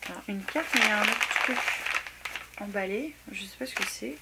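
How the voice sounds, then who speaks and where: A woman chatting casually as she opens fan mail at home, exclaiming and often dropping to soft near-whispers. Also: medium pitch, a little fast, creaky. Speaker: beauty vlogger opening fan mail. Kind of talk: casual unboxing chat. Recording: noisy home recording with clicks.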